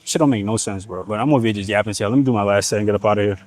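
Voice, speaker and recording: A fitness vlogger from Nigeria, whose first language is Igbo, rambles casually through a gym vlog full of slang, swearing and digressive asides. His voice is on the low side, a little mellow, and racing.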